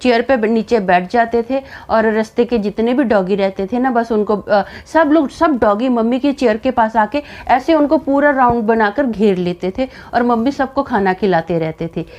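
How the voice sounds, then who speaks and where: A woman's voice: a little high, normal speed, few pauses, darkish tone, highs cut off. A woman casually telling a personal family story in a chatty, conversational way. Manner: chatty, conversational, with frequent fillers.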